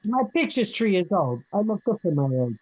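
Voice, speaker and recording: The recording is low quality, and her mid-range voice is husky, a little mellow, sing-song and slightly quick. She's a seventies-aged woman from Brooklyn, New York with a thick accent, chatting casually as a live stream guest, blunt, heated and repetitive.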